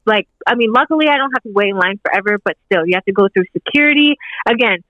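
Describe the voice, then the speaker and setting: A woman's voice: mid-range voice, expressive, fast talker, no room sound, narrow, tinny audio. A woman in her twenties, a podcast guest chatting casually in an upbeat, rambling way, leaning on "like" a lot. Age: 20s. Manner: rambling, upbeat, heavy use of "like". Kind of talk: casual interview chat.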